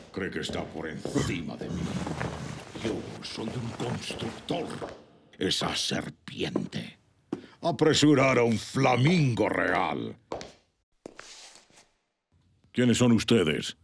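A man's voice: on the low side, sing-song, slow, gravelly, background noise, full character voice. A man voicing a haughty, scheming royal flamingo in a cartoon, pompous and imperious. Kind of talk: animated series villain acting.

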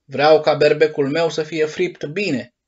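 A man voicing a gruff, hoarse old puppet-master with a long beard, grumpy but soft-hearted, in a dull lo-fi storybook recording. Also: on the high side, fairly even intonation. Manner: gruff, shouting, sneezing.

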